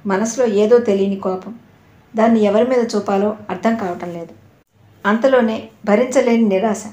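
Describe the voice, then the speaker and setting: A woman reading an audio novel aloud with a steady storytelling delivery. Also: medium pitch, normal speed. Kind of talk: scripted narration. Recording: roomy echo.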